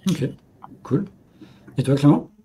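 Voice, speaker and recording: Husky, mellow-voiced male podcast host. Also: a little high, slow. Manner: asks questions, hands the turn to guests. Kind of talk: casual tech panel chat.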